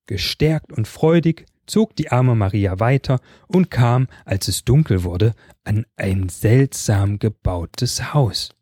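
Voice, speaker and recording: Man calmly reading a fairy tale. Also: mid-range voice, breathy edge, no room sound, studio quality. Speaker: storyteller.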